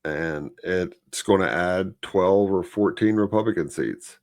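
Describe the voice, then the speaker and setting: A man co-hosting a podcast, talking politics in a blunt, profane, casual way and letting his phrase ends drop low. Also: slow pace, darkish tone, dry recording. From Florida. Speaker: podcast co-host.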